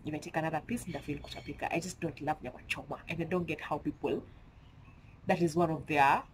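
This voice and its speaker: A woman's voice: low-pitched, fairly even intonation, fast talker, a little hiss or hum, low-quality recording. A young Kenyan woman with a Kenyan accent, vlogging at home in a chatty, emphatic way and slipping into Swahili slang, her nose stuffy from a cold. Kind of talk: casual chat to camera.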